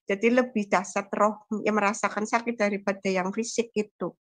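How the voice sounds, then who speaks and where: A woman giving a personal testimony in a conversational, animated storytelling manner. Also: mid-range voice, normal speed. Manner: animated storytelling, lively acted quotes. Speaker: testimony giver.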